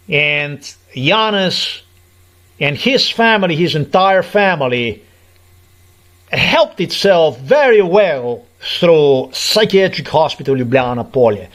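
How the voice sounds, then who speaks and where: Slow, aggrieved man. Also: on the high side, lively intonation, fairly bright tone. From Slovenia. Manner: aggrieved, repetitive, emphatic. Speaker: vlogger. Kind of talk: personal monologue to camera.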